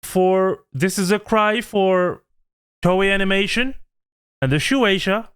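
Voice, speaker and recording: Man, twenties, host; earnest pleading rant, smooth clear voice, unhurried. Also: high voice, a bit bright. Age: 20s. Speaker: channel host. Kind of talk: heartfelt vlog rant.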